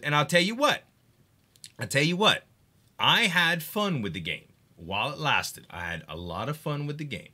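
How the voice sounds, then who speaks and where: Here a medium-pitched man chats on a live game stream, laughing frequently, cursing, and getting excited about the games.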